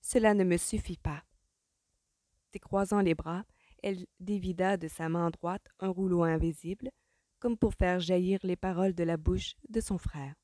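A woman narrating an audiobook in a measured, expressive way. Her voice sits a little low and sounds mellow. The recording is dry and close to the mic. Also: no echo. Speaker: audiobook reader. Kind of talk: scripted narration.

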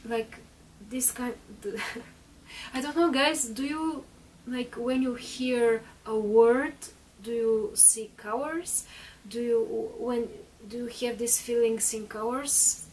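A Bulgarian beauty vlogger in her thirties chats her way through a makeup tutorial in a small bedroom, full of fillers and restarts. Her fairly high voice is a little mellow, and she sits far from the mic in a rough recording with a bit of hiss or hum.

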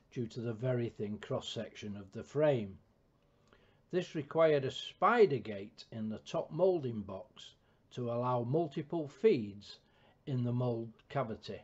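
A man giving a scripted, measured technical narration of an engineering build, with a dull lo-fi recording. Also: mid-range voice, dark tone. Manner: measured, precise technical delivery. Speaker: project narrator.

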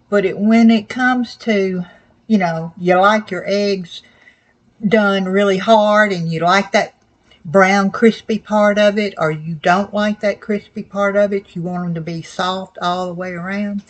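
An older woman with soft, slightly slurred toothless speech, chatting casually to camera in a folksy, plain-spoken, rambling way in her kitchen. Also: mid-range voice. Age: older, 60s or above. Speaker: home cooking vlogger. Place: small home kitchen, indoors.

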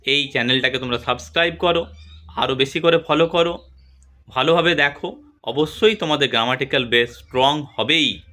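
A young man teaching a grammar lesson, spelling words out letter by letter and drawing syllables out slowly, asking questions and then answering them himself. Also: medium pitch, sharp tone. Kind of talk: spoken classroom lesson.

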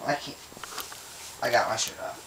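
A very drunk man in casual chat, rambling and swearing in a gravelly voice. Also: normal speed, a bit bright. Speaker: drunk friend being recorded. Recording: hissy, noisy home recording.

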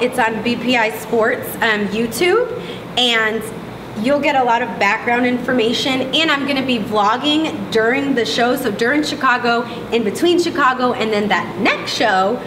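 Upbeat woman competitor chatting, laughs a lot, distant mic, gym hum behind. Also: a little high. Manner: bubbly, laughs often. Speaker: pro bikini competitor, interview guest. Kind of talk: casual interview. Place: large indoor gym, in front of a logo wall. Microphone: far camera mic. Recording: echoey room, picked up from a distance, with clear ambience.

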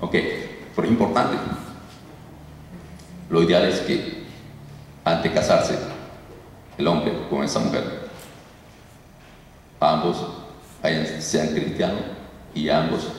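A man's voice: extremely low pitch, slow, long pauses, slight background noise. A man preaching on deliverance in a loose, conversational way, repeating himself and often saying "ok". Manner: loose, repetitive, peppered with "ok". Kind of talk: conversational sermon. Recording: echoey hall, distant mic.

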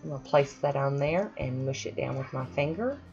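With a bass, creaky, slightly mellow voice, a nail art vlogger talks briskly and animatedly in a voice-over as she paints her own nails at home. She pokes fun at herself and adds friendly asides; the recording is muffled, with faint music in the background.

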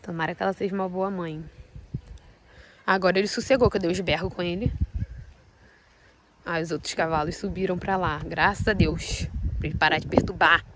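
A woman's voice: lowish voice, steady tone, fairly quick, long pauses, a little hiss or hum. A Brazilian woman vlogging by hand outdoors in the rain, shaken and trembling with nerves as she talks to her viewers. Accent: Brazilian Portuguese. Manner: shaky and nervous, shouting at a horse. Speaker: vlogger with horses. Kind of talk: casual vlog talk to camera. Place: outdoors in the rain at a horse farm.

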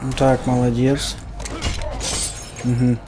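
A man's voice: medium pitch, monotone, very slow, noisy background. Man casually commentating a video game. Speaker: gamer. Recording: game music behind the voice. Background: game music.

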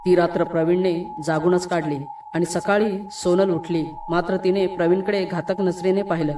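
A woman's voice: lowish voice, steady tone, normal speed, recorded from a distance, background noise. A woman reading a scripted horror story aloud, speaking every character's lines in her own voice. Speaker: narrator.

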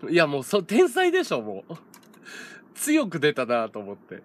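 A man's voice: fairly high pitch, huge pitch swings, slow pace. A man in his thirties, a streamer, telling a story in casual chat, laughing often and acting out other people's lines. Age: 30s.

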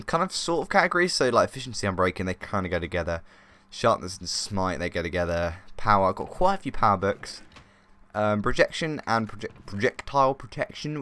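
A man's voice: fairly low pitch, expressive, fairly quick, few pauses, a bit bright. A man hosting a let's play, giving chatty, easily sidetracked commentary as he plays. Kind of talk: casual gameplay commentary.

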